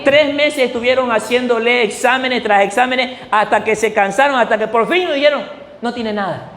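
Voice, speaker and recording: A male pastor with a Bolivian Spanish accent preaching a fervent sermon, firing rhetorical questions and rising to shouts. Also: extremely high pitch, brisk, echoey room.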